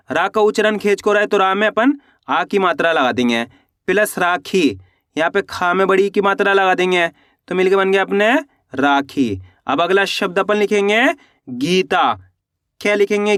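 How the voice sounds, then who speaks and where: A man with a fairly high voice teaches a reading lesson. He sounds out each word one syllable at a time, then says the whole word in a lower, drawn-out tone. He keeps asking the class how to read it and answers his own questions. The recording is dry and close, with no room sound. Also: a bit bright, no echo. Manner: slow syllable-by-syllable spelling, asks questions then answers them himself. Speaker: Hindi teacher.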